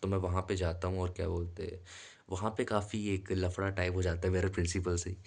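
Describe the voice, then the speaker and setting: A man's voice: low-pitched, flat delivery, fairly quick, a little mellow. A young man from India telling a story in a chatty way, mixing English words into his speech. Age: young adult. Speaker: vlogger. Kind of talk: casual storytelling.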